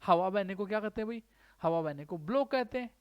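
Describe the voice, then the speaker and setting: A woman teaching an exam-prep grammar lesson, repeating words slowly and asking checking questions. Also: medium pitch, lively intonation, smooth, lo-fi sound.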